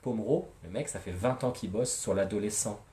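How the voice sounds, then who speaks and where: A man's voice: on the low side, brisk, dark tone. A man, a psychologist, talking casually and animatedly on a live show, joking and using slang. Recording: echoey room.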